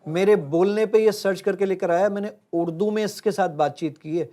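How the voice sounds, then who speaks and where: A man's voice: high-pitched, dark tone. A man with a slightly raised voice talks in an earnest, explaining way. He is the founder of a tech app, guesting on an interview show and walking the host through a live demo one step at a time. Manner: earnest, explains step by step while showing a phone.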